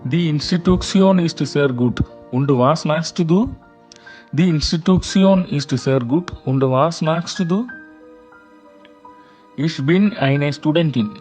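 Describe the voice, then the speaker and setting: A man teaching a beginner German lesson, reading a short dialogue and saying every line twice, slowly and carefully, for learners. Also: on the high side, a little mellow, faint music behind. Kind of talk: slow repeated lesson dialogue.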